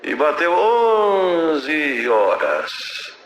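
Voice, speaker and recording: An older Brazilian Portuguese–accented man, a church elder, tells his testimony with earnest conviction. His voice is bright and forceful, dropping soft when he recalls prayer. The sound rings in an echoey room. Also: fairly high pitch, wildly swooping pitch, extremely slow, a little hiss or hum. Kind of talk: personal religious testimony.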